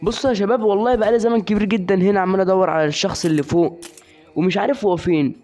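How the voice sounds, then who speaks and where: A man's voice: high-pitched, fairly even intonation, very fast, mellow, soft background music. A young man with an Egyptian Arabic accent commentating his own shooter game live, chatty and teasing his opponents.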